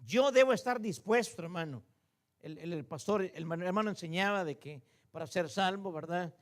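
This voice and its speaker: A man's voice: high voice, moderate pace. A man in his fifties preaching a sermon in a church, who keeps calling the congregation "brother" and asks rhetorical questions. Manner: repeats "hermano" often, asks rhetorical questions. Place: church sanctuary.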